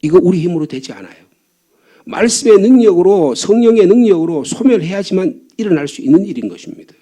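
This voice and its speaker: A man's voice: high voice, big pitch swings, fast talker, mellow, slightly rough. An older man preaching a fervent dawn sermon as pastor, asking the congregation questions and repeating key points. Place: church sanctuary.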